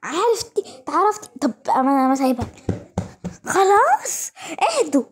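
A woman with an Egyptian accent improvising a toy-game role-play, talking in quick, bossy, teasing exchanges. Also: high voice, animated, a little mellow, husky. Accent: Egyptian Arabic.

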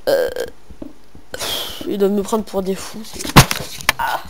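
A man's voice: high voice, huge pitch swings, slow, gravelly, very noisy. Joking French boy playing a game. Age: young teen, in middle school. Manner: joking, rambling, talks to himself and his viewers. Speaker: gaming video host. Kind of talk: casual let's-play commentary. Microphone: home computer microphone.

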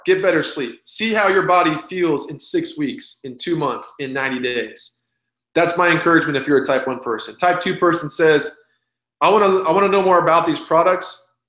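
A man in his thirties giving a recorded webinar pitch, blunt and folksy, urging listeners to go for it. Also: a bit bright, reverberant. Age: 30s. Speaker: presenter.

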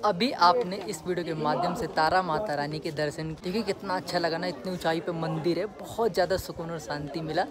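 Over music and crowd noise, a young man speaks fairly quickly with few pauses, his voice on the high side and fairly even in intonation. He's a travel vlogger filming casually on his phone at arm's length on a windy hill road, chatting directly to his viewers.

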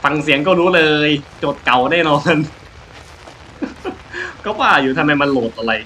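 A man's voice: a little high, animated, moderate pace, sharp tone, slight background noise, poor audio. A man streaming a horror game, talking to himself and the game, jumpy and joking as he plays. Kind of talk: horror game let's play commentary. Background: rain and thunder from the game.

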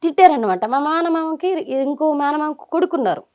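A quick, animated woman tells her story in an interview. Her voice sits a little high, and she quotes the people in it in short bursts. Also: dull audio. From Nellore region, India. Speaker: interview guest.

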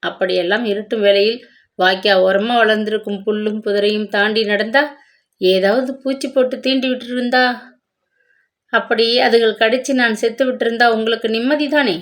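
A woman's voice: on the high side, steady tone, normal speed, close to an everyday voice. A woman voicing a hurt, defiant young educated wife who speaks bitterly to her husband. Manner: bitter, accusing.

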